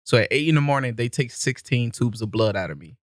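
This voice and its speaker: A man's voice: medium pitch, lively intonation, brisk, no room sound, clean studio sound. A young man, a podcast guest, telling stories in a loose, laid-back way, laughing often. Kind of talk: casual storytelling. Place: podcast studio.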